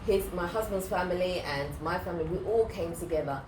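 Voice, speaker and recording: A woman's voice: fairly low pitch, brisk. Chatty British woman in a roomy space. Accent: British English. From United Kingdom. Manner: chatty and candid, acts out what others said. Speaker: guest, YouTuber. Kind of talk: casual interview chat. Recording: roomy with clear background noise.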